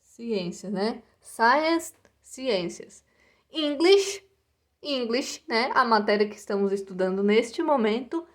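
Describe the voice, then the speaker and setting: A woman's voice: fairly high pitch, expressive. A woman teaching children English vocabulary in a recorded lesson, repeating each word and checking in with short tag questions. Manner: slow, repetitive pronunciation drills with frequent "tá?" and "né?".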